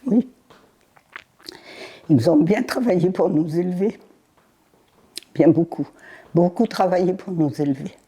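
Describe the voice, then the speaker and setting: Interviewee, woman in her nineties, low, mellow voice, halting, unhurried recollection. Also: breathy edge. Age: 90s. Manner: halting, with pauses, fillers and repeated words. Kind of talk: recalling her childhood in an interview.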